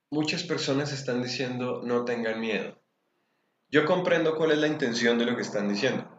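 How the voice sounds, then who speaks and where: A man's voice: medium pitch, a bit bright, slight background noise. Man, lecturer, quotes scolding parents, dull lo-fi recording. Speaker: emotional rehabilitation speaker. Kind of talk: lecture to an audience. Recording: echoey room, dull lo-fi sound.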